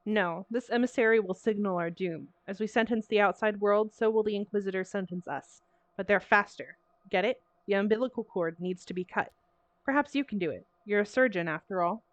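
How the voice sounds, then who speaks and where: An eerie, solemn six-year-old speaking of doom in a flat, matter-of-fact way, read aloud by a woman at a mid pitch. The recording is dry and a little dull, with no room sound. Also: a little fast, dry recording, close to an everyday voice. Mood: ominous. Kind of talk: reading game dialogue aloud.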